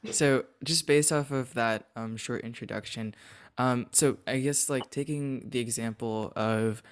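A man hosts a podcast interview in a conversational way. His voice sits at a medium pitch and sounds very smooth and clean. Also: steady tone, measured pace. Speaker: podcast host.

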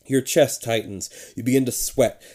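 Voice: medium pitch, normal speed, warm tone. A playful narrator giving a theatrical read-aloud of a children's horror gamebook.

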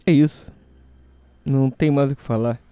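A man's voice: mid-range voice, fairly even intonation, moderate pace, dark tone, clear, resonant tone, no echo, faint music behind. A hungover Brazilian man hosting a casual solo show, rambling and hesitant as he talks. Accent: Brazilian Portuguese.

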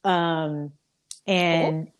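A woman's voice: low-pitched, steady tone, extremely slow, clear, resonant tone. A woman co-hosting a podcast, speaking earnestly and reflectively in casual chat. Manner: earnest and reflective, with frequent restarts and laughter. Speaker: podcast co-host and radio host.

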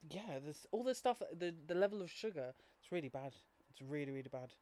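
Laid-back man, slightly high voice. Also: expressive, a little fast, mellow. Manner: laid-back, easily amused. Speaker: podcast co-host. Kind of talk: casual chat.

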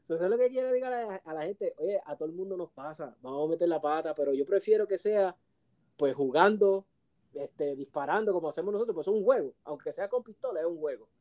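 A man, co-hosting a casual podcast chat, telling animated stories and laughing often. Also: high voice, fast. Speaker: co-host.

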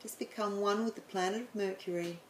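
A woman explaining the planets in a chatty way, then leading a guided meditation with slow, soothing instructions and some stumbles. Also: medium pitch, steady tone, echoey room, slight background noise, low-quality recording. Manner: chatty, apologetic, stumbles over words.

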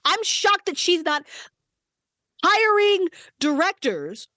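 A woman in her forties, co-creator of a podcast, chats casually as a guest in a very high voice at a slow pace. She swears freely, laughs often, and sounds animated throughout. The recording is studio quality with no echo.

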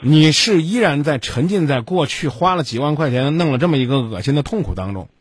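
A man hosts a radio advice line, and his voice swings widely up and down as he lectures. He is blunt and scolding and cuts in constantly. The sound is husky and dry, close to the mic. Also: fairly high pitch, animated, a little fast, no echo. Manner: blunt, scolding, interrupts the caller. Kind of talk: call-in advice show.

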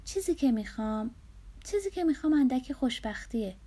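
A woman voicing a shy, earnest young woman, gentle and hesitant in an audiobook reading. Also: high-pitched, lively intonation.

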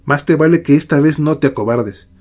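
A man voicing a cruel, commanding father who speaks in a low, stern way. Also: a little fast, darkish tone, close to an everyday voice.

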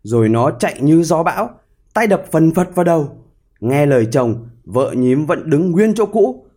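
An expressive male storyteller narrating a fable. His voice sits a little high and moves in lively, animated contours. The reading is scripted and vivid. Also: moderate pace.

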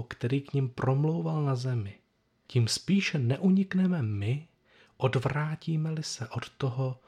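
A man with a husky, slightly breathy voice delivers a sermon. He speaks in a reflective, measured way, letting pauses sit between short phrases. His pitch sits in a middle range for a man. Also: darkish tone. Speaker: preacher.

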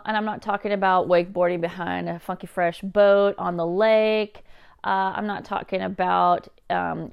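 A woman's voice: lowish voice, vocal fry, clean tone. A woman from California hosting a podcast, talking in a casual monologue full of swearing, jokes and side-tracks. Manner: profane, joking, self-interrupting asides. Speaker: podcast host.

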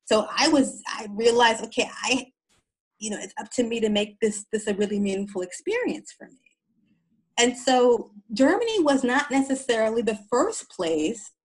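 A woman's voice: mid-range voice, rough recording. Reflective woman, interview guest. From US East Coast. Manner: reflective, repeats words while searching. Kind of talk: conversational interview storytelling.

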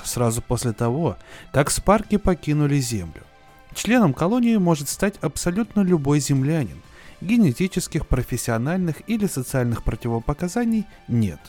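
A man narrating a first-person science fiction audiobook in a measured, even reading voice with slow pauses. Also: fairly high pitch.

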